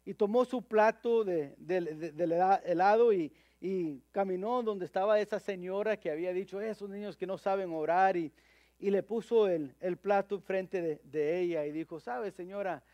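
High-voiced man preaching a sermon. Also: dark tone, dry recording, lo-fi sound. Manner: halting, with frequent repeated words and fillers.

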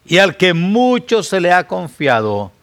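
Pastor, middle-aged man, Central American Spanish accent, fairly high voice, dynamic sermon delivery from quiet to booming. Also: big pitch swings, measured pace. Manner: swings from soft, quiet asides to loud, rising exhortation.

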